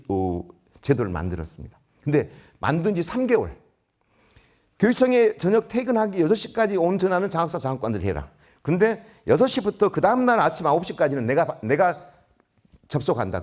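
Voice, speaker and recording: A middle-aged man giving a storytelling lecture to school leaders, acting out the dialogue as he goes. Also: a little high. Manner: animated, acts out dialogue. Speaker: lecturer at a principals' training.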